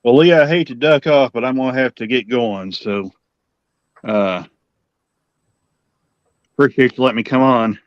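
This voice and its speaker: A man's voice: medium pitch, moderate pace, pauses often, no room sound. Male call guest losing his voice, polite; dry, muffled line. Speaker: guest on a livestream. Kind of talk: casual chat. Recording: dry, dull lo-fi call audio.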